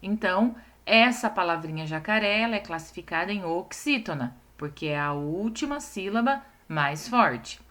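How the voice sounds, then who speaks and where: A woman teaching a recorded lesson to young schoolchildren, patient and explaining step by step. She slows down to stress syllables and keeps checking whether the children follow. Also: lowish voice, expressive, fairly bright tone.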